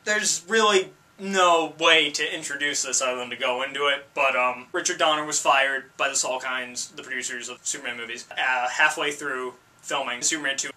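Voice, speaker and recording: Male reviewer host, crisp bright tone, sarcastic comedic rant delivery. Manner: exasperated, sarcastic, swings from low mutter to loud outbursts.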